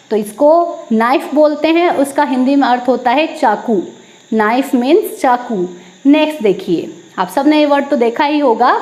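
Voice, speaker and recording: Female English teacher, high voice, repeats rules and quizzes herself. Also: a little mellow. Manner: repeats key points, asks and answers her own questions. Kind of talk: explaining a lesson to viewers.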